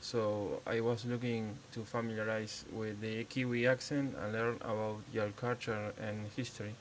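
A man's voice: lowish voice, little pitch movement, moderate pace, rough recording. A man from Argentina, a native Spanish speaker with an Argentine accent, leaving a simple voice message in English as a second language. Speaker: podcast listener leaving a voicemail. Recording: voice message with background noise.

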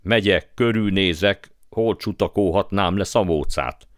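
A man doing a gruff, practical cabman. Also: sits low, no room sound, clean studio sound, voice pushed up, lightly acted. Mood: brusque. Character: gruff practical cab driver.

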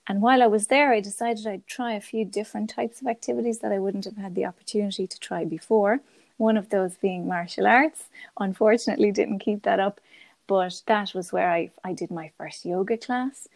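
A woman's voice: medium pitch, steady tone, fairly quick, gravelly, darkish tone, no room sound. West of Ireland woman, dry close sound. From Galway, west of Ireland. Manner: enthusiastic, chatty. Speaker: podcast guest, primary school teacher. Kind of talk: conversational interview answers.

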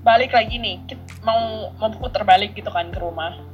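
A woman in her thirties telling a childhood story as a podcast co-host, animated and laughing often. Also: mid-range voice, moderate pace, muffled recording, faint music behind. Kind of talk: casual storytelling chat.

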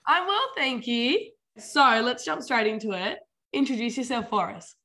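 An Australian woman hosts a relaxed, informal interview in a slightly high voice. She speaks conversationally and uses everyday slang as she puts questions to her guest. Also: moderate pace. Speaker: podcast host, interviewer. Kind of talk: casual interview hosting.

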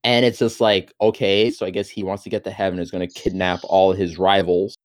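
A man's voice: low-pitched, little pitch movement, a little fast. A man in casual chat, telling a story with exasperation and acting out his own reactions.

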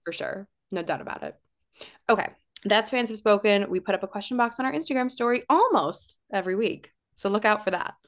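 A woman co-hosting a casual podcast, animated and laughing, often mock-outraged. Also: mid-range voice, brisk. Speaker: podcast co-host.

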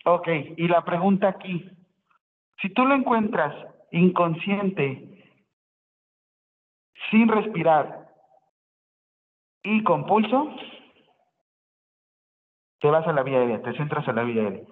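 A man's voice: a little high, expressive, slow pace, pauses often, slight background noise. A man, explaining a nursing topic to his class and often asking questions back. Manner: explanatory, asks rhetorical questions, self-correcting. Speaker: nursing student presenting. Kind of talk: classroom presentation. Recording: tinny phone-line sound in echoey hall.

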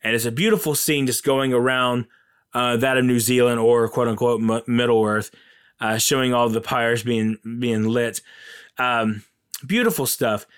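A man's voice: mid-range voice, steady tone, moderate pace, fairly bright tone, smooth. A man giving a casual, enthusiastic and rambling recap of a film.

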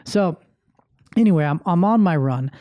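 A man's voice: a little high, animated, normal speed, mellow, no room sound, muffled recording. An American man hosting a motivational podcast as a life coach, talking casually and directly to listeners and repeating phrases for emphasis.

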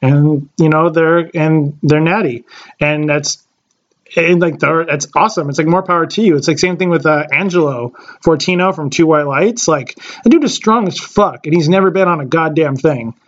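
A podcast co-host in his late twenties chats casually in a fairly high voice at a moderate pace, heard through a muffled recording. He rambles, with many fillers and restarts.

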